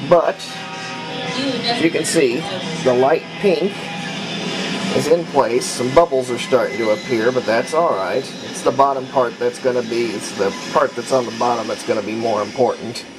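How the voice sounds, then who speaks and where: A man narrates a repair as a hobbyist restorer, loose and unscripted, rambling in a homespun way as he works things out aloud. His mid-range voice moves at a normal speed over music, and the recording is rough.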